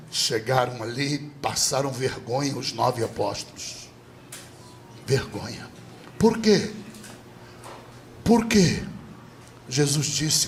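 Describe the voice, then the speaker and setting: A male Brazilian Pentecostal pastor preaching, who swings from loud sing-song shouting to low, intimate teaching. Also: a little hiss or hum. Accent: Brazilian Portuguese. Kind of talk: Pentecostal sermon. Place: rooftop church service.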